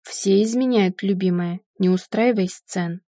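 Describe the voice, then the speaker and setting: A woman reading the lines of a calm, condescending husband who cheated on his wife, in an audiobook. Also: medium pitch, moderate pace, no echo, studio quality, lightly acted. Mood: smug. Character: unfaithful husband, middle-aged man, smug and dismissive.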